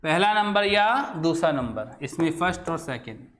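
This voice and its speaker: Male grammar teacher with a high voice, lecturing his class in question-and-answer style, repeating example words slowly. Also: sing-song, fairly bright tone, slight background noise. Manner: asks the class questions and answers them himself; repeats example words slowly to show how they sound.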